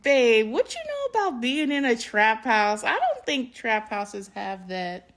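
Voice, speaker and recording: A woman's voice: fairly high pitch, huge pitch swings, a little slow, fairly bright tone. A woman co-hosting a casual movie review, giving emphatic, opinionated takes.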